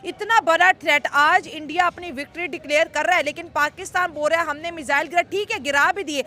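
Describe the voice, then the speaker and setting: A woman's voice: sits high, fairly even intonation, fast talker, sharp tone. A woman host with a Pakistani Urdu accent, questioning a guest and speaking straight to viewers. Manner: questioning, addresses viewers directly. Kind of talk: street interview and commentary to viewers.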